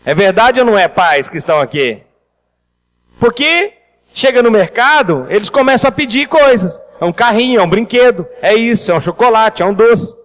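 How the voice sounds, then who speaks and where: A man preaching a seminar on finances, lively and speaking directly to the congregation. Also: sits high, moderate pace, long reverb tail, rough recording. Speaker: pastor leading a finance seminar. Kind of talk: sermon with storytelling.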